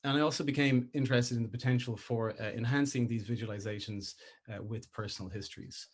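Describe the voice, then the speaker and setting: A man from Ireland presenting his doctoral research over a video call, pausing often with filler sounds. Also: medium pitch, breathy edge. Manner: hesitant, many filler sounds. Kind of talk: academic conference presentation.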